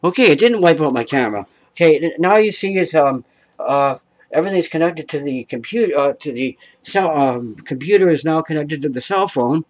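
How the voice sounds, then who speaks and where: A man's voice: a little high, lively intonation, a little fast, rough recording. Hesitant man talking through a home setup. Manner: hesitant, many fillers and restarts. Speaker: host of a home tech show. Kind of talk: casual step-by-step demonstration. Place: dim room at home, indoors.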